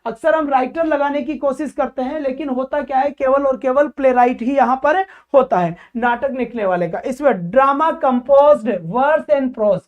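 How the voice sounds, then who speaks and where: A woman's voice: high-pitched, unhurried, few pauses. A woman teacher giving an exam-prep lecture. She asks questions and answers them herself, and keeps calling her students "child" affectionately. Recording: dull lo-fi recording.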